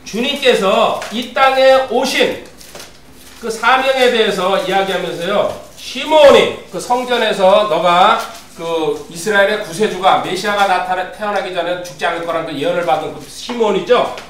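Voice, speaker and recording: A man's voice: sits high, moderate pace, few pauses, a bit bright. A man preaching a sermon as a pastor, reading scripture aloud and putting questions to the congregation. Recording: roomy, distant, faint ambience.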